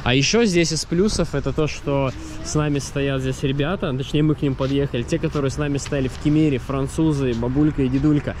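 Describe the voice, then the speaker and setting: Holding the camera at arm's length, a travel vlogger in his thirties walks a seaside harbor and talks in a loose, rambling fashion. He speaks a little fast with few pauses, at medium pitch with fairly even intonation and a darkish tone. Wind and street noise fill the outdoor recording.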